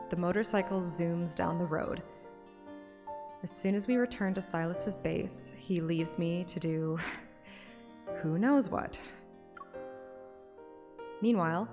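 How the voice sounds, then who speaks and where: Speaking slowly in a lowish voice with long pauses, a woman streams a game. She narrates its story aloud and chats about it casually, the game's soundtrack music underneath.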